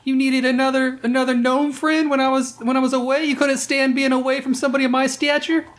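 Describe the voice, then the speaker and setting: A man's voice: extremely high pitch, level tone, fast, a bit bright. A man playing a vain, sarcastic male gnome. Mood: insulting. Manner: sarcastic, insulting, cocky. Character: vain, sharp-tongued male gnome in a bowler.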